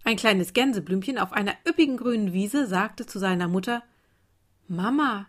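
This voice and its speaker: A woman reading a calm bedtime story aloud in a soft, gentle voice. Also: mid-range voice, brisk. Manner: calm, soft, turning quieter.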